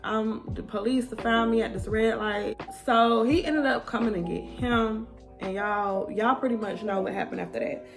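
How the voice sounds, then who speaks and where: Young woman, casual storytime, animated, fairly high voice, music playing behind. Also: normal speed. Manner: animated, addresses viewers as y'all. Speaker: vlogger.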